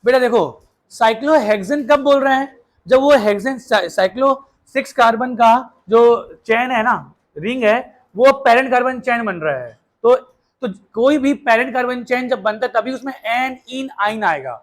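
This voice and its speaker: Brisk, coaxing male chemistry teacher. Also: very high-pitched. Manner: brisk, coaxing, quizzes the class and urges them to hurry; mixes Hindi with English terms. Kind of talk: classroom lecture.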